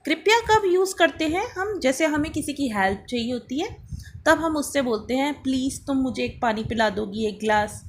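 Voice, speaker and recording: Woman teacher for a beginner language lesson, slightly high voice, slow patient spelling drills, faint hiss behind. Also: lively intonation. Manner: slow, spelled-out drill words, prompting students to repeat. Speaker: English teacher. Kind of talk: beginner English lesson explained in Hindi.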